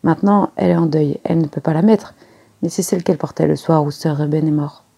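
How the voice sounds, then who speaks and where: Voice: medium pitch, fairly even intonation, fast talker, vocal fry, dark tone, husky. A reader doing a gossipy giggly young maid.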